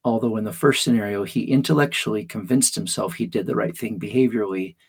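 A man's voice: fairly low pitch, fast talker, breathy edge. A man on a podcast explaining emotions by narrating a parenting story step by step.

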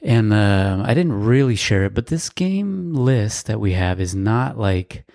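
A man co-hosting a casual podcast, his voice sitting on the low side. He talks in a laid-back, dry, rambling way, with plenty of fillers. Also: very animated, measured pace, creaky, darkish tone. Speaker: podcast co-host. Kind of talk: casual chat.

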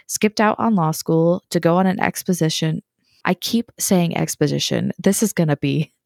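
A woman's voice: deep voice, creaky, a little mellow, dry recording, studio quality. A young woman hosting a casual history podcast, chatty and self-deprecating, sometimes tripping over her words. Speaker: podcast host.

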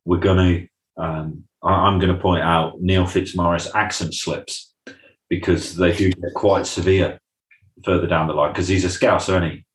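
Recapping on a podcast he co-hosts, this man talks casually and keeps acting out scene lines in silly voices. He speaks in a low-pitched, steady tone at a moderate pace, and the audio has a roomy echo.

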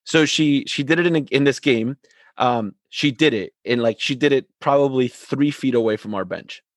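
A man who coaches youth soccer and co-hosts a podcast, telling a story in a casual, animated way with many restarts and repeated words. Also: mid-range voice, moderate pace, no room sound.

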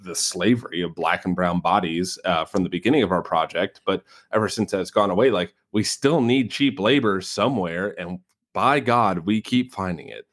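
A podcast co-host with a low voice and an American West Coast accent. He talks casually and at length, circling his points with fillers and restarts. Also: normal speed, fairly bright tone. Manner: rambling, many fillers and restarts. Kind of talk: casual film discussion.

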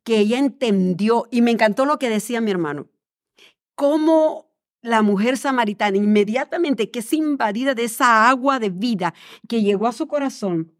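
A woman's voice: fairly high pitch, moderate pace. A woman speaking fluently and earnestly in a devotional talk, addressing the listener directly with encouragement about faith.

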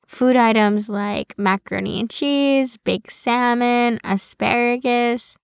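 Female podcast host, slow measured personal narration, slightly high voice, dry close sound. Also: dry recording. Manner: slow, deliberate storytelling.

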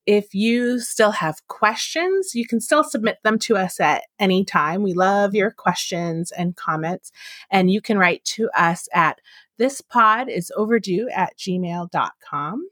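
A woman's voice: medium pitch, measured pace, fairly bright tone, no room sound. A woman who is a librarian co-hosting a book podcast, chatting in a friendly, giggly way with frequent ums. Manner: giggly, friendly, hesitant fillers. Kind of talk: casual chat.

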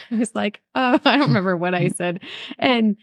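A woman's voice: medium pitch, normal speed, dry recording. A woman guest telling stories in a casual podcast chat, laughing often. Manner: giggly storyteller, laughs often.

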